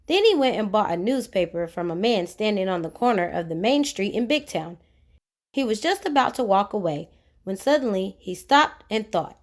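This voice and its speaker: Her voice sits in the mid-range and is very animated, moving at a normal speed. She narrates a children's storybook aloud with lots of expression, stopping to ask the little listeners questions.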